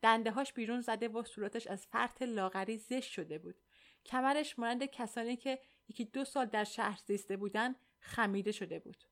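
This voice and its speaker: A woman reading a novel aloud in the first person, in a steady, measured storytelling voice. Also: a little high. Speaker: audiobook narrator.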